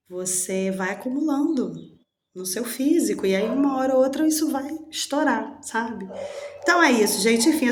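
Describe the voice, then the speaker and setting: A woman's voice: medium pitch, slight background noise. Chatty woman vlogging, echoey room. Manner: chatty and candid, acts out inner dialogues. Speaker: channel host. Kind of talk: personal reflection vlog.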